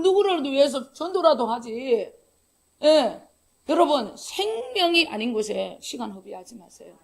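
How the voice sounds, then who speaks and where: A middle-aged woman pastor preaches a sermon. Her voice sits high and has a gravelly edge. She tells her stories in an animated way and acts out the voices in them. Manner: animated storytelling, acting out quoted dialogue, laughing.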